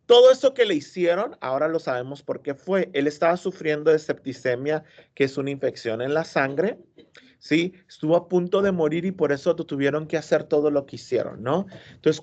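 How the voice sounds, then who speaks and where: A male high school literature teacher reading a story aloud and explaining it to his class, often checking in with questions. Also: a little mellow, muffled recording.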